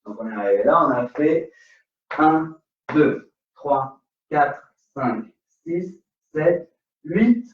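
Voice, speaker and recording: A man's voice: fairly high pitch, expressive, slow pace, pauses often, slight background noise. A man with a French accent teaching an online salsa class, counting beats and singing rhythm syllables. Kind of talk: online dance class instruction. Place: dance studio. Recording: roomy, distant, dull studio sound.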